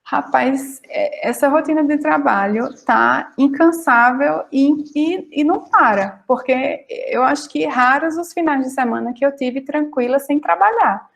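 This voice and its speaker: Speaking with a Northeastern Brazilian accent, this woman joins an online panel as a guest and shares a personal story informally, often hunting for words. Her high, creaky voice moves a little slowly, with hardly any pauses.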